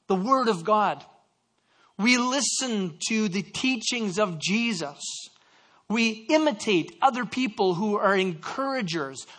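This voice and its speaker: This sermon comes from a pastor from Canada whose voice is fairly high and fairly bright. Along the way he tells personal stories, pokes fun at himself, and stumbles into rapid restarts.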